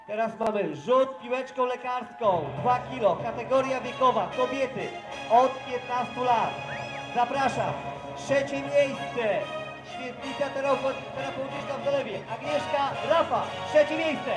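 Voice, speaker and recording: Man announcing over a megaphone, very high voice, slow formal calls for attention, echoey sound with music behind. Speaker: event announcer. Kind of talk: announcing competition results.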